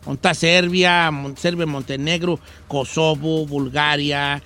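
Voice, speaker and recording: A man's voice: a little high, flat delivery, unhurried, pushed and bright, faint music behind. A man hosting a comic news show, reading stories and teasing his co-hosts.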